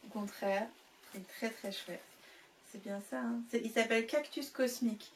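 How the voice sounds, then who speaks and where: A woman's voice: a little high, fairly even intonation, moderate pace, a little hiss or hum. Chatty woman vlogger, slightly distant mic. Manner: chatty, with fillers and soft laughs. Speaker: knitting vlogger showing yarn purchases. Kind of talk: casual chat to camera.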